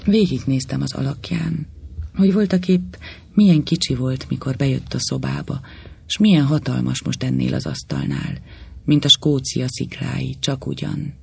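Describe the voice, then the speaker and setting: Gravelly male audiobook narrator. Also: medium pitch, animated, a little mellow.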